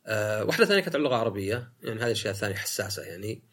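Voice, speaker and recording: A man's voice: fairly low pitch, sing-song, racing, a bit bright. A man hosting a solo talk podcast, arguing his point and mimicking other people's lines. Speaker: podcast host.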